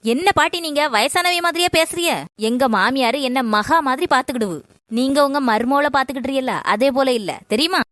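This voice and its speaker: A woman playing an earnest, quick-tempered young daughter-in-law in a comedy skit. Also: high voice, fairly bright tone, no echo. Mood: angry. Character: young daughter-in-law, polite then fiery.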